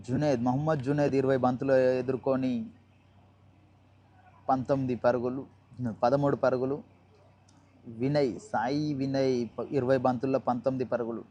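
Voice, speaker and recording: A man's voice: mid-range voice, little pitch movement, moderate pace, long pauses, mellow, highs cut off. A man with a Telangana Telugu accent giving live cricket commentary, repeating and rephrasing himself and mixing in English cricket terms.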